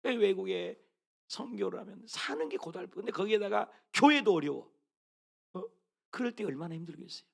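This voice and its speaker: A middle-aged man preaching a sermon in a high voice with a gravelly edge. His pitch leaps and dips constantly as he moves between loud calls and soft, hushed asides. He keeps asking his listeners questions as he goes. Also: lively intonation, brisk. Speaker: pastor.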